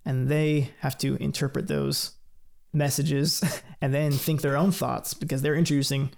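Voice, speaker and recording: Man, very gravelly voice, casual explanatory chat, relaxed, laughs lightly. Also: mid-range voice, normal speed.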